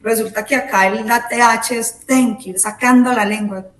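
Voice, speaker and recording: A woman's voice: on the high side, steady tone, moderate pace, a bit bright. A woman, a guest in a casual interview, who explains things step by step and gives examples. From Latin America. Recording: echoey room.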